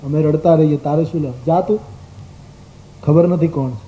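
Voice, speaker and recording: A man voicing an old, blind male poet-saint who answers gruffly and dismissively. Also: a little high, fairly even intonation, moderate pace, slight background noise, lightly acted. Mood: curt. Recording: dull old live recording.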